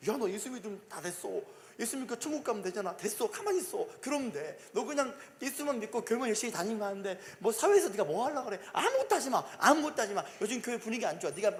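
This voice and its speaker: A man's voice: sits high, very animated, fast, few pauses. A man voicing a sly personified weed that coaxes believers to sit still and do nothing. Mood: coaxing. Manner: coaxing, dismissive, bossy. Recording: long reverb of a church hall.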